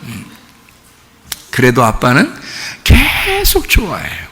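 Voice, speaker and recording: A male pastor preaching a Sunday sermon with lively storytelling, acting out children and fathers in quoted voices. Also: mid-range voice, slow pace, in a large hall. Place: church sanctuary.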